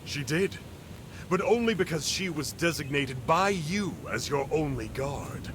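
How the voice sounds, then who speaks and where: A man's voice: on the high side, background noise. A man voicing a proud, stern military lord in a dramatic video game, formal and imperious.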